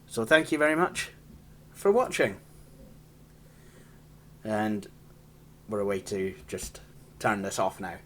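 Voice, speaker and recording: A man's voice: lowish voice, big pitch swings, takes it slowly, long pauses, slight background noise. A Scottish man casually walking through an old operating system, rambling and poking fun at himself, laughing often. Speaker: tech channel host. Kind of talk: casual hands-on software walkthrough.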